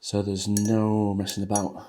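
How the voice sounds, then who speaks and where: A man giving a relaxed, chatty watercolour painting demonstration, talking loosely with plenty of ums as he paints. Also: lowish voice, a little slow, background noise. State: a bit shaky from coffee. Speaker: watercolour teacher.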